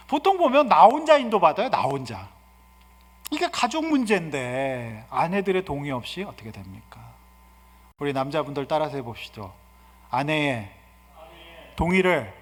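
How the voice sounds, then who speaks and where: A male guest pastor giving an animated, humorous sermon and asking the congregation questions. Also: a little high. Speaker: guest pastor and seminar speaker. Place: church sanctuary. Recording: reverberant church hall.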